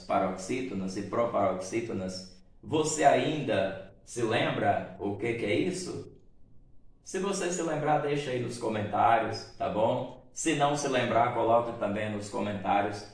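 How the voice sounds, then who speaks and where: A Brazilian man teaching grammar at an unhurried, deliberate pace, checking in with the class as he goes. His voice sits at a middle pitch and rings through a very echoey room. He sounds set back from the microphone. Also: far from the mic. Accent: Brazilian Portuguese. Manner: slow, patient, explains step by step with frequent "né?" and "tá bom?". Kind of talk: grammar lesson.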